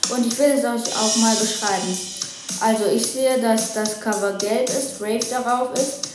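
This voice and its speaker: A woman presenting a book and then reading a chapter aloud in a steady manner. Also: on the high side, measured pace. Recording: echoey room from a distance, music behind.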